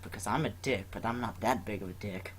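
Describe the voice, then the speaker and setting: A man's voice: lowish voice, brisk, slight background noise. A man running a tabletop game in casual chat, often hesitating and fumbling with numbers.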